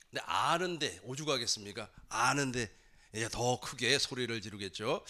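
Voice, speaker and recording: A male pastor preaching a sermon in a church, emphatic and acting out loud pleading cries. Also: mid-range voice. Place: church sanctuary.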